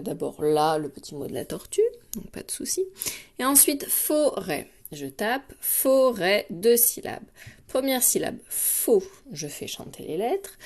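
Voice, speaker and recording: A woman teacher giving a dictation lesson to young children, speaking clearly and patiently and addressing the child directly. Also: mid-range voice, darkish tone. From France. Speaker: primary school teacher.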